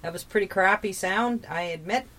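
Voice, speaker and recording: A woman hosts a homespun radio show from inside a small closet. Her voice sits at a middling pitch, and her delivery is relaxed and chatty, full of easy fillers and restarts. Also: normal speed. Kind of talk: casual radio hosting.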